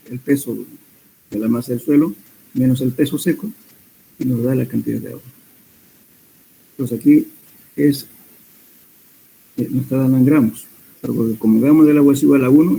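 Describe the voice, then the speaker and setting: Hombre profesor dando una clase con pausas y correcciones, voz ronca y apagada. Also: male voice, mid-range voice, gravelly, husky, poor audio. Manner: steady explanatory teaching with hesitant fillers and self-corrections. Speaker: soil mechanics lecturer. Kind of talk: classroom lecture.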